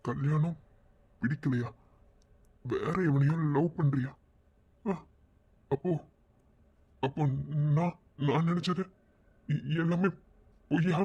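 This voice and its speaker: A performer voicing a heartbroken young groom in a cartoon who speaks in stunned, halting bits. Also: mid-range voice, warm tone, breathy edge, lo-fi sound.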